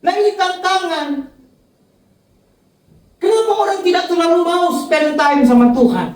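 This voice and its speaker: A man's voice: very high voice, a little slow. A male pastor preaching a sermon, telling humorous, self-mocking stories. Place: church hall. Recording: echoey church hall from far off.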